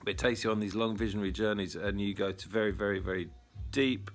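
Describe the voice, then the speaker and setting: Gravelly, profane man. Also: fairly low pitch, steady tone, quick pace, soft background music. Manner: profane, wry and blunt. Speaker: retreat leader. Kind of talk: casual storytelling monologue.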